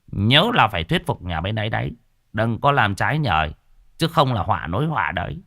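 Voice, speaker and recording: Gruff old exorcist master, stern, low voice, man putting him on. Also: very animated, a little fast, sharp tone, no room sound, studio quality, full character voice. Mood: instructing. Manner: gruff, commanding.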